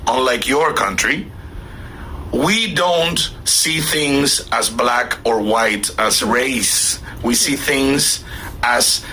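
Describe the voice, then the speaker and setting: A man speaks in firm, declarative statements. His voice is bright and forceful at a mid pitch. A faint noise runs behind the recording. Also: extremely slow. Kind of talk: opinionated video monologue.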